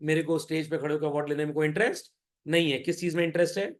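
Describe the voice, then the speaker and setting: Lively high-voiced male teacher. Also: racing. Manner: animated, joking, keeps asking "Is that clear?". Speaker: commerce teacher. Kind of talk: classroom lecture.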